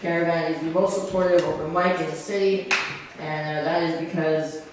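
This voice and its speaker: A man's voice: fairly high pitch, steady tone, moderate pace. A man hosting an open mic, telling a story in a loose, rambling way full of fillers. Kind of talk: live stand-up storytelling. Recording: echoey venue, mic at a distance, faint noise.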